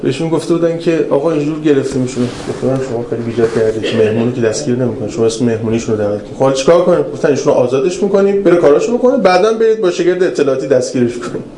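A man preaching a religious lecture, telling stories in an animated way that swings between raised and hushed passages. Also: mid-range voice, hardly any pauses. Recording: roomy hall with faint ambience.

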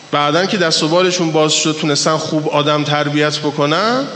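A man with a fairly high voice delivers an emphatic storytelling sermon, drawing out his stressed words. His voice rings through a large echoing hall with a long reverb tail. A faint hiss sits underneath. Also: a bit bright. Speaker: preacher.

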